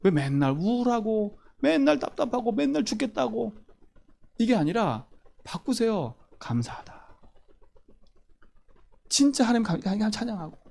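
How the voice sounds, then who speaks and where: A man's voice: high-pitched, big pitch swings, moderate pace, creaky, darkish tone. A man preaching a sermon as pastor in a church, emphatic, repeating key phrases and asking the congregation questions.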